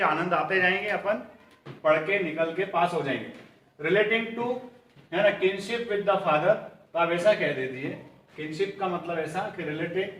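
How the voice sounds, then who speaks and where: Indian guy teaching vocab, higher voice, quizzes the kids over and over, sounds a bit far off in an echoey room. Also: a bit bright, slight background noise. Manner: addresses students as children, drills answers by repeating questions; reads English definitions slowly and deliberately. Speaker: English vocabulary teacher for exam prep. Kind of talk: online coaching lesson. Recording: roomy echo, voice somewhat off-mic.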